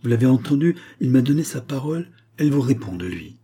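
Storybook heroine: a man doing a coaxing young lady, soft husky tone, gently insistent. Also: mid-range voice, moderate pace. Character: young woman pleading, then coaxing.

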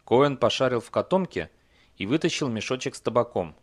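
Guy reading a fantasy audiobook, measured, even narration. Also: mid-range voice, slightly rough, dry recording. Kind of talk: scripted narration.

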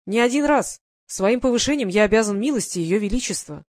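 In an audiobook, a woman voices a calm young male guard sergeant who steadily reassures his mother. Her mid-range voice moves a little fast and stays close to her everyday speaking voice.

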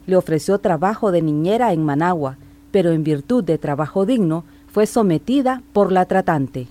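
Low, mellow woman narrating a radio report. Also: lively intonation, moderate pace. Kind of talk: scripted narration.

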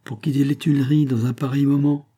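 A man's voice: medium pitch, level tone, fairly quick, warm tone, husky, voice pushed up, natural voice. A man reading an audiobook and voicing a puzzled king who asks insistent questions.

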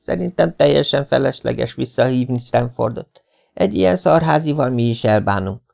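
A man's voice: medium pitch, expressive, gravelly, a little mellow, pitched above the performer's own voice. A man reading an audiobook, voicing a hot-headed, foul-mouthed male police officer who blusters and swears. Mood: scornful.

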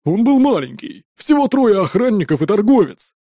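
A man's voice: a little high, animated, moderate pace, darkish tone, dry recording, studio quality. A man voicing a brash, cheerful young male viking warrior who talks in a boastful, carefree way.

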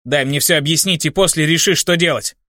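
Guilty young traitor, hurried and defensive, read by a male narrator, dry audiobook. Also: fairly high pitch, bright, forceful tone, no room sound. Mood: pleading. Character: young man, guilty former friend, begging.

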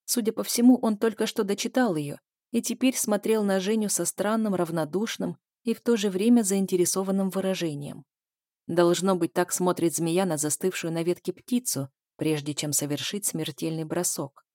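A woman narrating a novel in a measured, dramatic reading. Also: lowish voice, a little mellow, no room sound, studio quality. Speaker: audiobook narrator. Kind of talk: scripted narration.

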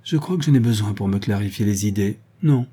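A man's voice: fairly low pitch, a little fast, mellow, slightly rough. A man voicing an irritable, defensive male head of a private school who speaks in a snappish, indignant way in an audiobook.

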